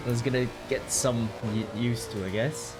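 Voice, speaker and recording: A man's voice: mid-range voice, steady tone, moderate pace, over loud music, poor audio. A man bantering casually with fellow sim racing drivers in a group voice chat, joking and laughing easily.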